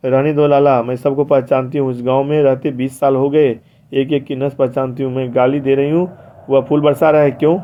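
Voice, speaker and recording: A man's voice: medium pitch, level tone, normal speed, natural voice. A man voicing a hot-tempered, middle-aged village wife who scolds sharply, read in a dull lo-fi audiobook recording. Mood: angry scolding.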